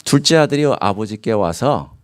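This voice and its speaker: Animated Korean pastor preaching a sermon. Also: male voice, normal speed. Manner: animated preaching with sharp pitch swings; asks the congregation questions. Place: church sanctuary.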